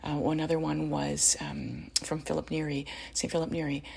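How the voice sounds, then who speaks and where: A middle-aged woman talks through parenting advice in a deep, very breathy voice with a gravelly edge. She sounds earnest and encouraging, and often checks in with "you know" and "right?". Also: big pitch swings, normal speed, a little mellow. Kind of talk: casual spoken advice talk.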